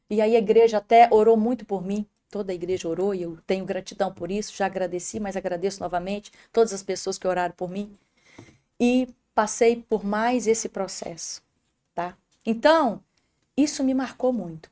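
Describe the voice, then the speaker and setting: Uma mulher com sotaque brasileiro, convidada de um podcast, contando um testemunho de fé com emoção e chamando o apresentador pelo nome. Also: female voice, medium pitch. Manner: emotional storytelling, often addressing the host by name. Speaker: podcast guest. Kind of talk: faith testimony in an interview.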